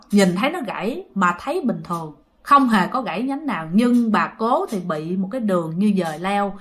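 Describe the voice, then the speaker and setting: A woman spins a ghost story, chatting straight to her listeners. Her voice is bright and somewhat high, swooping through a wide, lively range. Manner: animated, addresses listeners directly.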